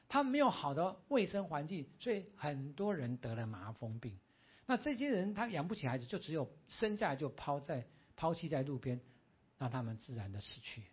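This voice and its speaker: Brief: male preacher, fairly high and husky, animated, asks the congregation questions. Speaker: guest preacher. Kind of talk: sermon. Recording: dull lo-fi recording.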